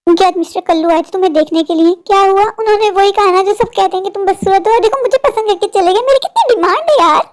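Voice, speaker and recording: A woman's voice: extremely high pitch, level tone, rapid-fire, hardly any pauses, dark tone. A woman voicing a vain, jealous younger sister in a cartoon story, who speaks in a taunting, mocking way.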